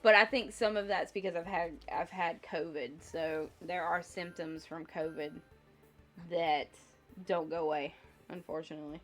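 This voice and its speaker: A woman hosting a casual livestream rambles and thinks aloud to her viewers, her voice on the low side with a steady tone and moderate pace. She sounds slightly congested and has a lingering cough, with music playing behind her.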